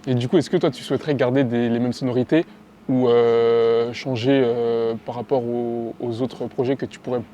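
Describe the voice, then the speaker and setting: Brief: male interviewer, mellow dark tone, chatty, rambling questions, faint noise behind. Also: medium pitch, fairly even intonation, normal speed. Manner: long rambling questions, echoes the guest's words.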